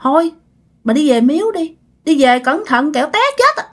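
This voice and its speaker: A woman's voice: sits high, animated, moderate pace, pitched above the performer's own voice. A woman voicing the spiteful ghost of a dead old woman who has possessed a young girl, taunting and scolding. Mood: scornful.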